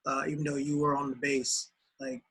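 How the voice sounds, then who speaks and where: A man's voice: on the high side, big pitch swings, normal speed, vocal fry, a bit bright, breathy edge. A man hosting an interview, opening with an upbeat greeting and asking loose, rambling questions. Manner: upbeat, loose, fillers and restarts. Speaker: interviewer and host.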